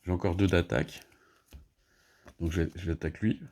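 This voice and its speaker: A man's voice: sits low, steady tone, normal speed, a little mellow. A man casually explaining his moves in a solo board game, thinking aloud with many hesitations and restarts.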